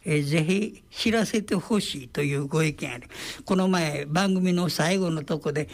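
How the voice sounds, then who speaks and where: An older man with a Kansai accent hosting a solo radio talk, reading out listener letters in an unhurried, genial, chatty way. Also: on the high side. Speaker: radio host.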